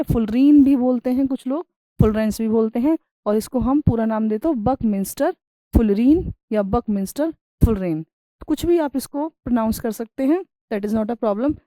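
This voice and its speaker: A woman teacher giving a science lesson. She reads English lines slowly, then explains them in Hindi with everyday examples, and keeps checking in with her students. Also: a little high, warm tone, no echo, rough recording. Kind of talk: classroom lecture.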